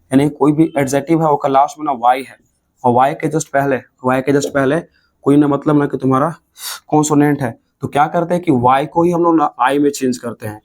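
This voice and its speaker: Man, Bihari Hindi accent, teacher at a board, repeats points, drawn-out words, mid-pitched voice. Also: a little mellow. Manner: repetitive, drills points, stretches words syllable by syllable. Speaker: English grammar teacher. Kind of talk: classroom lesson at a board. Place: classroom with a writing board.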